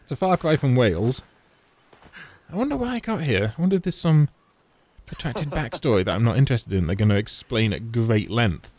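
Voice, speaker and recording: Talking fairly quickly with big pitch swings, a man with a medium, slightly mellow voice hosts a let's play, mocking the game wryly with chatty asides. Game music runs under his sarcastic commentary.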